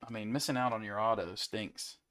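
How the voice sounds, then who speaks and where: A young adult man hosts a trading card break, chatting easily and rattling off player names as he opens packs. His voice is lowish and a bit bright, and he speaks briskly.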